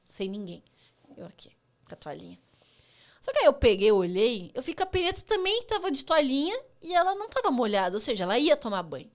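A woman in her thirties with a Brazilian Portuguese accent, sitting in as a podcast guest. She tells her stories in an animated way, laughs often, and acts out the dialogue of the people in them. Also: high voice, fairly quick. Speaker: podcast guest, former tennis player. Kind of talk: casual storytelling chat.

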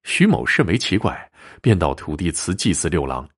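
Husky low-voiced male storyteller. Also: very animated, normal speed. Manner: voices the dialogue with shifting pitch and softness. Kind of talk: storytelling narration of a classic tale.

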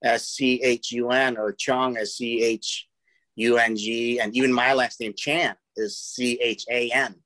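A man's voice: mid-range voice, level tone, a little slow, fairly bright tone, dry recording, low-quality recording. A man co-hosting a casual interview, speaking encouragingly and often saying "you know.".

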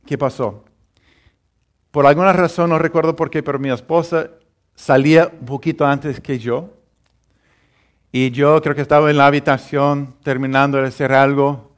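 A middle-aged man preaching a sermon as pastor, telling a family story with many restarts and chuckles. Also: mid-range voice.

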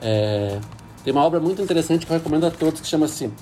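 A man's voice: a little high, lively intonation, quick pace, darkish tone, a little hiss or hum. A man, a priest speaking in a thoughtful, hesitant way with many fillers. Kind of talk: casual reflective talk.

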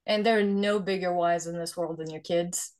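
A woman in her forties, originally from Sweden, speaks in a somewhat low voice. She explains things earnestly and conversationally, often tagging her points with "right?". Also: steady tone, normal speed, a little mellow. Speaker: guest, investor and nonprofit founder. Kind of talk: conversational interview.

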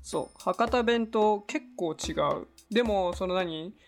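A man co-hosting a podcast in casual chat, easygoing and quick to laugh, often answering in short replies. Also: high voice, faint music behind. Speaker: podcast co-host.

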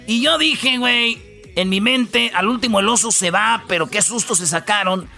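A man's voice: sits high, moderate pace, vocal fry, bright, forceful tone, soft background music. A man with a Mexican accent hosting a comedy radio show, telling stories in a rowdy, slangy, joking way. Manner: rowdy, joking, slangy storytelling with put-on voices.

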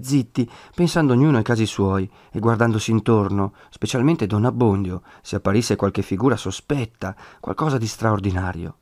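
Guy reading a full novel aloud, steady and even, dry close sound. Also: fairly low pitch, dry recording. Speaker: narrator.

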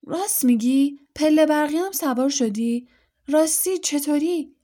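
A woman reading aloud, voicing an eager, curious middle-aged wizard father full of excited questions. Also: on the high side.

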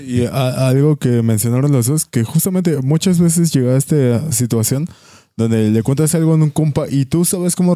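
A man's voice: medium pitch, warm tone, no echo, clean studio sound. A young man with a Mexican accent chatting casually, rambling and joking in slang. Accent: Mexican Spanish. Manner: rambling, slangy and jokey, with many restarts. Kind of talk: casual chat.

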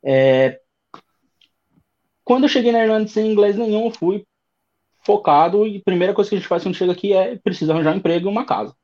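A man in his thirties with a São Paulo accent, telling his story as an interview guest in a relaxed, rambling way. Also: high voice, fast talker, pauses often, lo-fi sound. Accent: São Paulo Brazilian Portuguese. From Brazil. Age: 30s. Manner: relaxed storytelling with many fillers. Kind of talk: casual interview chat.

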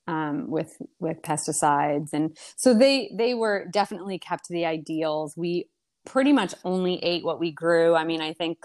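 A young woman telling stories about her childhood in a relaxed conversational way, with lots of fillers and restarts. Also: sits low, moderate pace. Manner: rambling, many fillers and restarts. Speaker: podcast guest. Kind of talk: casual conversational storytelling.

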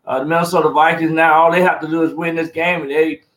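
A man talks football in a loose, rambling way, circling back and repeating words as he works toward his point. His voice sits a little high for a man. The room around him rings with echo. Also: flat delivery, fast talker, fairly bright tone. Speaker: sports talk co-host. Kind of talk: casual sports talk.

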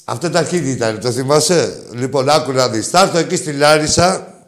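A man hosting a call-in show, joking crudely with callers, swinging between loud mocking outbursts and low mutters. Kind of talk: crude casual call-in banter.

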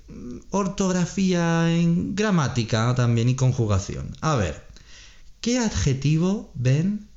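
Brief male quiz host, patient explainer, lively animated pitch. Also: dull audio. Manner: reads options slowly, explains grammar patiently, laughs often. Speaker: podcast co-host running a quiz. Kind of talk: slow, clear Spanish-lesson quiz chat.

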